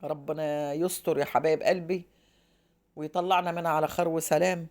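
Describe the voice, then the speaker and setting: A woman's voice: low-pitched, little pitch movement, brisk, darkish tone. A woman with an Egyptian Arabic accent giving heated commentary to her viewers, scolding, indignant and repeating herself. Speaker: social media commentator.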